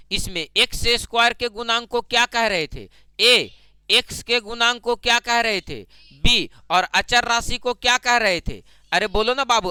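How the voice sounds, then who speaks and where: A man teaches a math lesson. He drills the class with repeated call-and-response questions. His voice is high, smooth and resonant, and it sounds dry and close. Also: pushed and bright, no echo.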